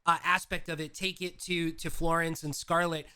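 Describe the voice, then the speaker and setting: A man co-hosting a podcast, chatting casually in a halting way with many restarts while he recalls details. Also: fairly high pitch, little pitch movement, bright, forceful tone, clean tone. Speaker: podcast co-host. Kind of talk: casual chat.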